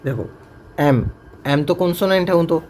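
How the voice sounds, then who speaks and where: A man's voice: fairly high pitch, moderate pace, a little mellow. Man teaching a grammar class. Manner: drills students with repeated questions. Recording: faint background noise.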